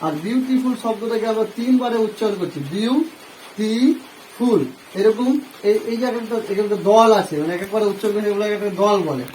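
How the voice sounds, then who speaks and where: A man's voice: sits high, brisk, darkish tone, slight background noise, low-quality recording. A man with a Bengali accent teaching an English grammar lesson, explaining step by step and asking and answering his own questions.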